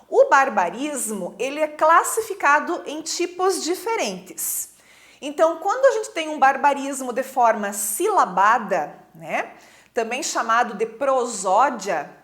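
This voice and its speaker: A woman teacher with a Brazilian Portuguese accent, giving a recorded lesson in a patient, explanatory way and often checking that students follow. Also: high voice.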